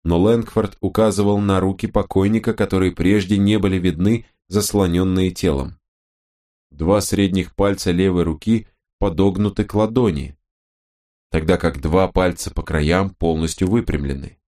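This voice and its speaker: A man giving a first-person audiobook narration in a measured, even reading style. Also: low-pitched.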